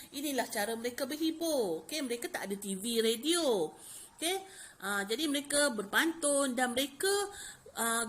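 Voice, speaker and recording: Bright-voiced Malay teacher woman, chatty. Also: high voice. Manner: chatty teacher with frequent "okey" and "ha" fillers, spelling out letters. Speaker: primary school teacher. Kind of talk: classroom lesson explaining poetry.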